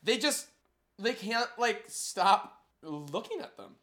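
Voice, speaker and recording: A man's voice: high voice, big pitch swings, slow pace, sharp tone, pitched above the performer's own voice, heavily acted. A man voicing a bubbly Valley Girl time traveler in a comedic table read, with a put-on Valley Girl accent, lots of "like" and a giggly manner. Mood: gossipy. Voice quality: breathless, "like"-laden, giggly.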